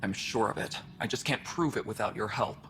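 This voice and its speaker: A performer playing a gruff engineering chief in a video game, speaking in a blunt, firm way. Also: male voice, fairly low pitch, brisk, a bit bright, slight background noise, close to an everyday voice.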